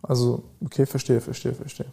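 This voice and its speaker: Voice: medium pitch, little pitch movement, fairly quick, gravelly, warm tone. A podcast host asking questions and thoughtfully paraphrasing the guest's answers. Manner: reflective, paraphrases what the guest says. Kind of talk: interview questions.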